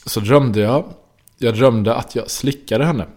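A man's voice: medium pitch, a little mellow. A man co-hosting a casual podcast, laid-back and answering dryly in short replies. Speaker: podcast co-host. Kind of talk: casual chat.

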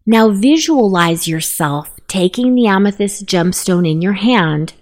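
A woman narrating a guided meditation, giving gentle, unhurried instructions. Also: mid-range voice, lively intonation.

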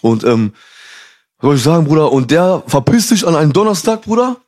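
A man's voice: on the high side, big pitch swings, fairly quick, a little mellow. A young man from Cuba, talking as a podcast guest. His stories come out in loose, slangy street speech, and he keeps calling the host bro. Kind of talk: casual storytelling.

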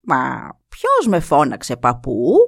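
A woman voicing a huge, proud old male eagle of the wind, speaking slowly and calmly. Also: deep voice, gravelly, no echo, studio quality, pitched below the performer's own voice, heavily acted. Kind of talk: storytelling.

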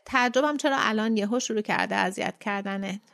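A woman voicing a quiet, weary man in a story read aloud, speaking in a subdued, hesitant way. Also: medium pitch, gravelly.

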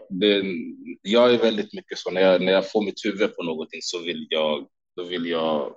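A man from Sweden, a former kickboxing champion, telling stories as a podcast guest, animated and quoting people in lively bursts with frequent laughs. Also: deep voice, husky, muffled recording. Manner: animated, quotes himself and others in lively bursts, laughs often. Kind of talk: casual storytelling interview.

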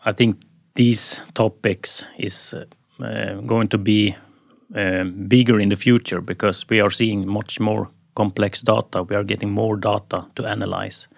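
Man, from Sweden, young adult, gravelly low voice, hesitant with fillers. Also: little pitch movement, unhurried, no room sound, studio quality. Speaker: student guest. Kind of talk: casual interview answers.

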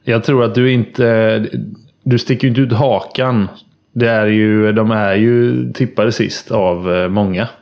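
A man's voice: on the low side, fairly even intonation, highs cut off. A man co-hosting a casual podcast, hesitant and playful. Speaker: podcast co-host.

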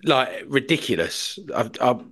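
A man's voice: mid-range voice, sing-song, unhurried, a bit bright, slightly rough. A British man chatting casually in a blunt, sweary, exaggerating way. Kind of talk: casual chat.

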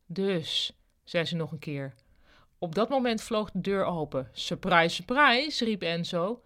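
A narrator reading a storybook chapter in a calm, even way. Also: medium pitch.

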